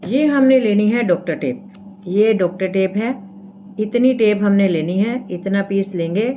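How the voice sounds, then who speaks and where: A woman's voice: medium pitch, measured pace, muffled recording, a little hiss or hum. A woman teaching acupressure and explaining each step while she demonstrates, checking in often with her viewers. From India. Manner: explains step by step, repeats "theek hai" often. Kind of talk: casual demonstration lesson.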